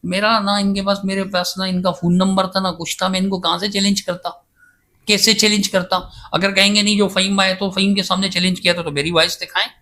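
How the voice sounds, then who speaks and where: A man's voice: high voice, flat delivery, bright, forceful tone, a little hiss or hum. A man speaking as a guest scholar in a podcast interview, insistent and emphatic as he defends himself at length. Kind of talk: casual debate-style interview talk.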